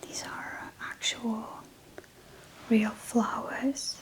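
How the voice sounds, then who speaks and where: A woman doing a soft, breathy whispered role-play, murmuring short step-by-step phrases as an ASMR host. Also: a little high, steady tone. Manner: unhurried, narrating each small hand movement in short phrases.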